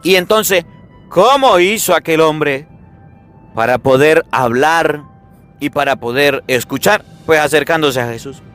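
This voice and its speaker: Animated priest preaching, high bright voice. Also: male voice, unhurried, faint music behind. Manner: animated storytelling, acting out everyday dialogues. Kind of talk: sermon.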